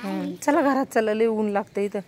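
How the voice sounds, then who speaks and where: A woman's voice: on the high side, moderate pace, a little mellow. A woman vlogging about her family day, coaxing and scolding her small children. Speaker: vlogger and mother. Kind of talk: casual family vlog.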